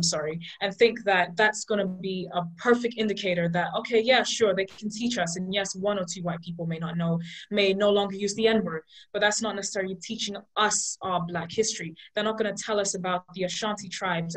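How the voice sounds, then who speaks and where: A young woman from Liberia and Ghana, arguing passionately in an online student debate with a fast flow of points and fillers. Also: medium pitch, steady tone, fairly bright tone, low-quality recording. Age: young adult. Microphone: video call.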